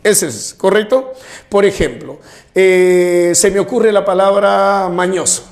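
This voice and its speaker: A man with a high, light voice and a Peruvian Spanish accent teaches a recorded lesson. He goes through examples one at a time and slows down to read them out. He keeps checking that students follow with quick questions like "right?". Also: a little mellow. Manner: explains slowly with examples, checks understanding with tag questions. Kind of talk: recorded class lecture.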